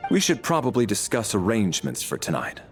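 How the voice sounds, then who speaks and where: A man's voice: on the low side, huge pitch swings, a little fast, soft background music. An actor playing a stoic, dutiful male guardian in a video game, speaking in a terse, controlled, formal way. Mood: calm, dutiful.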